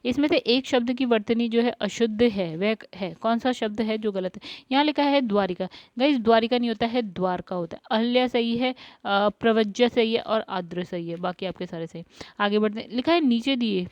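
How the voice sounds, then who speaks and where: A woman's voice: a little high, normal speed, no room sound. Woman tutor, patient step-by-step spelling walkthrough, dry dull lo-fi sound. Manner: explains step by step, repeats words, says "guys" often. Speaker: Hindi exam tutor.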